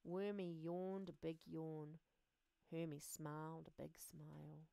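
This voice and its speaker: A woman reading a children's picture book aloud, expressive, often dropping to a soft hush. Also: sits low, takes it slowly, gravelly, no echo. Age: adult. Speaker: reader.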